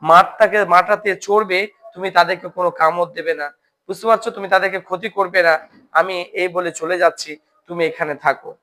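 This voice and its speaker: A man's voice: high-pitched, steady tone, fairly quick, bright, forceful tone. A man voicing a stern wandering holy man who gives orders and keeps checking that he is understood. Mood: commanding. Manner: commanding, repeats checks for understanding.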